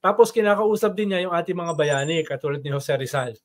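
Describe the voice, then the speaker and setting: Higher-pitched man explaining politics. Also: a little fast. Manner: explanatory, tags sentences with "no?". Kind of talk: casual political talk show discussion.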